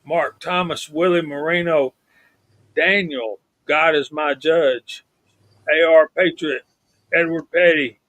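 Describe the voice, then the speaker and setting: Slow-talking man hosting a stream. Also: a little high, no room sound. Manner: reads out viewer names in a steady list. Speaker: live stream host. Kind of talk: casual live stream chat.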